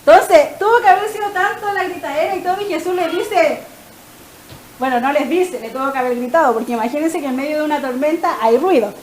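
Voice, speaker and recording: A woman preaching a lively sermon, acting out the story and directing the congregation. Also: high-pitched, fairly quick, a little hiss or hum, low-quality recording. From Chile. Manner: animated storytelling, directing the congregation, laughs often.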